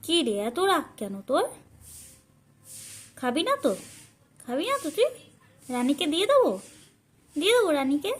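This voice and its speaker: A woman's voice: high voice, very animated, moderate pace, long pauses. A woman coaxing her sulking pet bird in repetitive, pleading baby talk.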